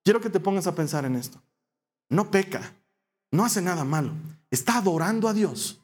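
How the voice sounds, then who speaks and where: A middle-aged man with a Bolivian Spanish accent preaching a sermon, retelling scripture as a lively story and acting out the characters' lines. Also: moderate pace. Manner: storytelling, acts out dialogue with shifting pitch.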